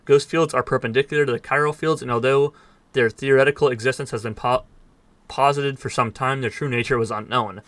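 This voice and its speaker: Reading in-game text aloud at a fast clip for viewers, this male let's player has a medium-pitched voice that sounds bright and crisp. The tone holds steady, captured close-up and dry with no room sound. Occasionally he fumbles a word or slips in a dry remark.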